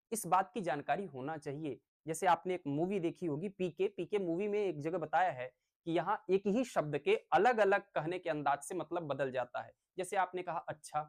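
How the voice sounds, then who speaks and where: Man explaining phonics step by step. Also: sits high. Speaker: teacher. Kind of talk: classroom lecture on phonics.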